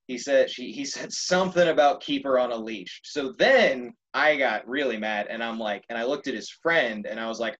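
Animated young man telling a story. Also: mid-range voice, highs cut off. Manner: animated, laughs often, swears casually. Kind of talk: casual storytelling.

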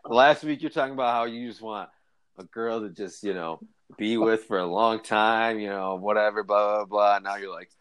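Low-voiced teasing podcast guy. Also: normal speed, a bit bright, clean tone. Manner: teasing, swears freely. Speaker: podcast co-host. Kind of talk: casual chat.

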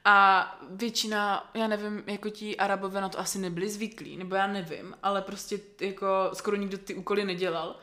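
A woman's voice: mid-range voice, level tone, few pauses, sharp tone. A young woman from the Czech Republic chats casually with a friend. She rambles, stacking fillers and restarting her sentences as the story runs on. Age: young adult. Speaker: guest telling about a language course abroad. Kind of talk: casual chat.

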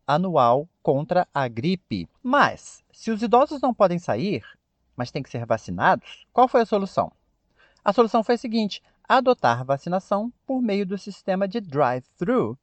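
A man's voice: on the high side, dry recording, lo-fi sound. A Brazilian man hosting a podcast lesson on English words, explaining and repeating pronunciations in a didactic way. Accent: Brazilian Portuguese. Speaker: podcast host and English teacher.

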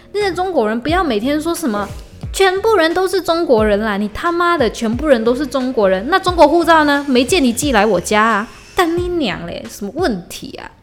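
Blunt, profane woman ranting. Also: fairly high pitch. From Malaysia. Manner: heated, blunt, profane, mixes in English slang. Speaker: podcast host. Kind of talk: solo podcast rant. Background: faint lo-fi hip-hop beat.

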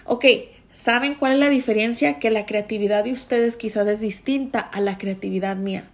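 Intense, emphatic woman podcaster. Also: a little high. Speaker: podcast host. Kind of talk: motivational podcast monologue.

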